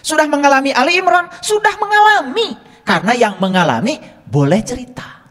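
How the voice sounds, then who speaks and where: Man, religious lecture, lively rising and falling voice, long hall reverb. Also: very high voice, brisk. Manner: teasing, full of rhetorical questions to listeners. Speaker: religious teacher.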